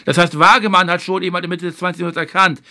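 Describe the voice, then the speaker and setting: A man hosting a video lecture series, explaining history in a measured way and stressing his key points. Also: high-pitched, flat delivery, bright, forceful tone. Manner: filler phrase "eben halt".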